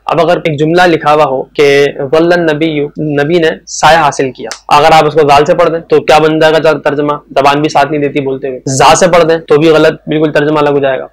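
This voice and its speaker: A man giving a spoken religious lesson, explaining points step by step and slowly repeating key words for emphasis. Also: fairly high pitch, little pitch movement. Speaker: religious teacher.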